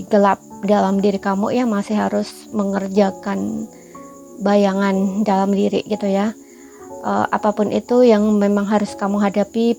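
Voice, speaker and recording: A woman's voice: mid-range voice, gravelly, mellow. A woman giving a casual, reassuring tarot reading, speaking in a chatty way with many fillers. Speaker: tarot reader.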